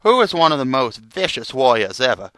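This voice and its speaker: Man playing a lively river fisherman. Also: mid-range voice, a little fast, no room sound, clean studio sound. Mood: advising. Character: calm, helpful male river fisherman giving advice. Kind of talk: amateur comic drama dialogue.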